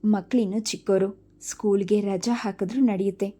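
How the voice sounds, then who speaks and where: A woman storyteller reading a first-person family story in a steady, reflective way. Her voice is very dark and mellow, with a middle pitch. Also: moderate pace.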